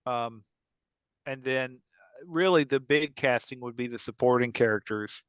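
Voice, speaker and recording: Here the podcast host's medium-pitched voice is smooth and a little slow as he trades casual jokes with the people on his show. There's no echo.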